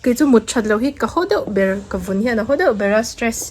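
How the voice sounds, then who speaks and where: A woman's voice: a little high, quick pace, a little mellow, a little hiss or hum. A young adult woman vlogger, talking casually and chattily as she explains things to her viewers. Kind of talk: casual vlog chat.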